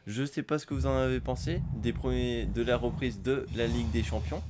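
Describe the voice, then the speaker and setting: Background noise runs under this gaming YouTuber as he opens packs in a football video game, chatting casually and rambling with many hesitations. He has a cold and sounds hoarse, speaking briskly in a mid-range voice with fairly even intonation.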